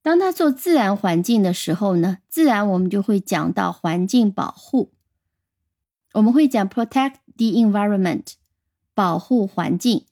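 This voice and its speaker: A woman giving a radio vocabulary lesson, pronouncing words slowly and carefully and spelling them out letter by letter. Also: medium pitch, animated, mellow, dry recording, studio quality. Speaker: English vocabulary teacher.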